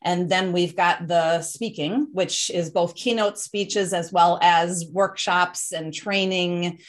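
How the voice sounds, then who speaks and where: A woman's voice: fairly low pitch, fairly even intonation, takes it slowly. Polished woman business coach. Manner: polished, organized. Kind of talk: conversational interview answers.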